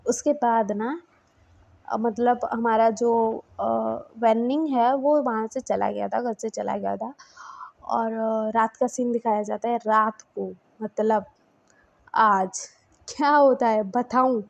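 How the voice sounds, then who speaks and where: A woman's voice: on the high side, slow, gravelly. Chatty young woman retelling a story. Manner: chatty, full of fillers and restarts. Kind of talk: casual spoken retelling of a fan story.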